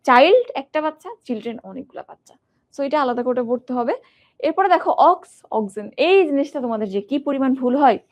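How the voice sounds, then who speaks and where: A woman's voice: high-pitched, animated, fast, darkish tone. A young woman teaching an exam-prep grammar lesson, asking the students questions and repeating words in drills.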